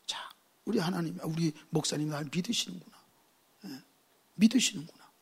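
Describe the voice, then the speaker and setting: A man's voice: on the high side, moderate pace, slightly rough. A male pastor preaching a sermon, telling humorous stories and driving points home with emphatic repetition.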